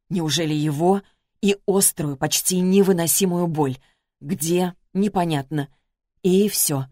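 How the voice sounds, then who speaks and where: Brief: female audiobook narrator, lowish voice, dry close booth sound. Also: no room sound. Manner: measured, expressive.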